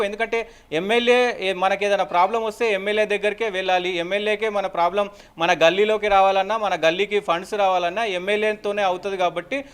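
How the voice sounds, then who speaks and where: High-pitched, smooth, and a bit bright, this man's voice carries a Telangana Telugu accent. He's reporting a live news update off the cuff, his phrases halting and repetitive.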